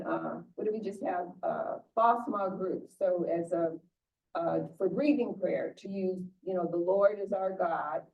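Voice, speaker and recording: An older woman pastor giving an informal, conversational sermon, often restarting and repeating words. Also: mid-range voice. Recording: distant muffled church recording.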